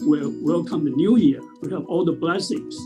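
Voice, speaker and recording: Man, sixties, from Taiwan, halting speech, guitar music playing behind. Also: a little high, low-quality recording. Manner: halting, with frequent fillers. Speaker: presenter at a talent show. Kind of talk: casual talk.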